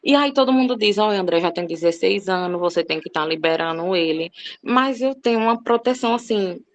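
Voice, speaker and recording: A woman's voice: mid-range voice, expressive, fairly quick. A Brazilian woman in her thirties shares a personal testimony in a class. She talks hesitantly with many fillers, and her voice rises with feeling as she goes on. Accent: Brazilian Portuguese. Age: 30s. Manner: emotional, hesitant with many fillers, rising when she recalls scolding. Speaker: participant sharing a testimony.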